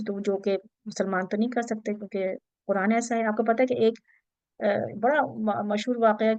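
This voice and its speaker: A woman teaching a class, explaining in a steady, explanatory way. She slips English terms into her sentences and often checks in with her listeners. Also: medium pitch, no room sound. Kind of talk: interactive class lecture.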